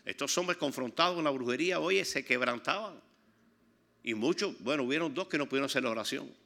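In a creaky, mid-range voice at a slightly fast clip, an older man from Cuba shares a testimony as a sermon. He speaks Cuban Spanish, animatedly playing the characters in his stories.

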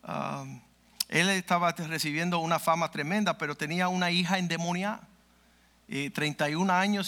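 Male pastor, sermon storyteller; bright, forward tone and high pitch; acts out the dialogue. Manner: vivid storyteller acting out dialogue.

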